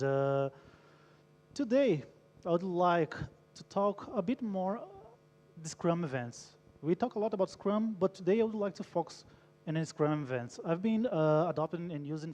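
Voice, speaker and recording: A Brazilian man with a slightly high, darkish voice gives an engaging conference talk, polling the audience and telling a story. He speaks in a large conference hall, and the recording carries a long hall reverb.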